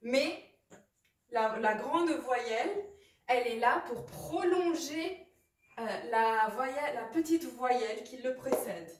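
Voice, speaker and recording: A woman teaching how to read letters, patient and repeating sounds slowly with examples. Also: fairly high pitch, expressive, reverberant, distant mic, a little hiss or hum. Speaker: Arabic reading teacher. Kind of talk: explaining lesson.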